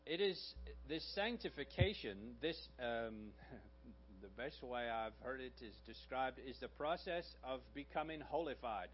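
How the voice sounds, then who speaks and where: A slightly hoarse man preaching a sermon in a conversational way, often checking in with the congregation with quick asides. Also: mid-range voice, lively intonation, muffled recording, slight background noise. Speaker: pastor.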